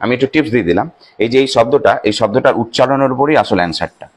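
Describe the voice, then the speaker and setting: A man's voice: mid-range voice, expressive, rapid-fire, slightly rough. A man with a Bengali accent explaining English grammar to students, asking questions and answering them himself and repeating key phrases.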